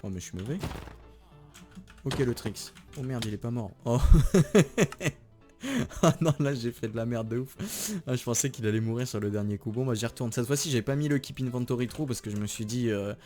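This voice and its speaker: A young man talks through his gameplay in a loose, slangy, excitable way, laughing often. His voice sits at a middle pitch, and soft music plays quietly underneath. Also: fairly quick, long pauses. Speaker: gaming YouTuber. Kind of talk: casual gameplay commentary with voice-over narration.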